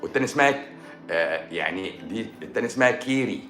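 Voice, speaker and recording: A man with an Egyptian Arabic accent hosts a live stream, fielding viewer questions with jokes and sarcasm. His voice is low and slightly bright, lively, and quick. The audio has a roomy echo with music playing underneath.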